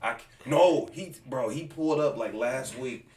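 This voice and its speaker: A man in casual chat, telling stories in lively slangy speech. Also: medium pitch, moderate pace, reverberant, recorded from a distance. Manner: animated storytelling, slangy. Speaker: co-host.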